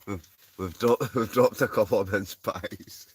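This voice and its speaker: Inside a tent, a Scottish livestream host chats casually with his viewers, rambling, chuckling and getting easily sidetracked. His voice is lowish and steady, he speaks unhurriedly, and there's a little hiss or hum in the audio.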